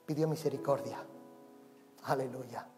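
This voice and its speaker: A male pastor, preaching a sermon with passion, swinging from loud cries to hushed tones. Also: mid-range voice, steady tone, unhurried. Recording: long reverb of a hall, faint music behind.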